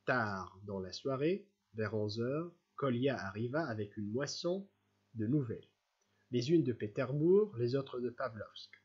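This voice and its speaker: Un homme lit un grand roman à voix posée et régulière. Sa voix est un peu voilée, et l'enregistrement reste légèrement étouffé. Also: male voice, medium pitch, expressive, measured pace, slightly rough, dull audio. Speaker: audiobook reader. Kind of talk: audiobook narration of a classic novel.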